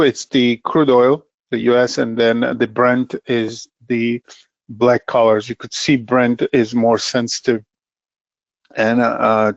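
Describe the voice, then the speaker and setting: A middle-aged man presenting a trading webinar as an account manager, talking plainly with many pauses and fillers and a dry sense of humor. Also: mid-range voice, dry recording. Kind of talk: educational market webinar. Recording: dull lo-fi dry webinar audio.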